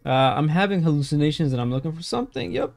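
A young gaming streamer plays a horror game through a headset in a small indoor room, soft music behind him. His fairly high, darkish voice has vocal fry and sounds a little strained as he talks fast and very animatedly, letting out jumpy, nervous exclamations and calling viewers bro.

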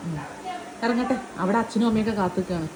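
A woman's voice: mid-range voice, fast. A young woman, a vlogging mother chatting casually and laughing often. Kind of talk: casual family vlog chat. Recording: loud background noise.

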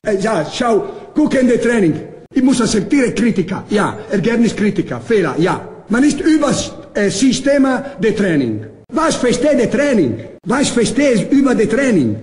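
A man's voice: sits high, big pitch swings, normal speed, darkish tone, roomy sound, in a large hall. A man giving an emphatic statement in broken German.

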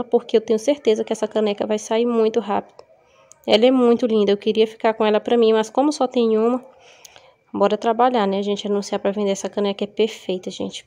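A woman's voice: on the high side, dark tone. A woman with a São Paulo Brazilian accent, chatting casually to her viewers at home as she shows off products she bought to sell. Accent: Brazilian Portuguese, São Paulo. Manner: chatty, addresses viewers as gente, upbeat. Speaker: vlogger selling gift kits. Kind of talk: casual show-and-tell vlog.

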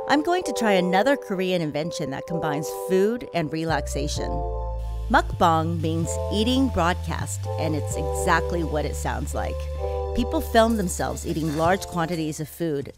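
A woman narrates a scripted voice-over as the show's host, upbeat and clear. Her voice sits a bit low but moves lively up and down. Music plays clearly beneath her. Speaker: show host.

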